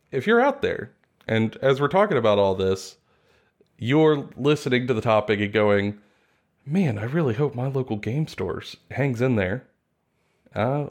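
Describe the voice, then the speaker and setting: Laid-back man co-hosting a podcast. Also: medium pitch. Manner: relaxed, rambling, jokey. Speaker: podcast co-host. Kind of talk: casual podcast chat.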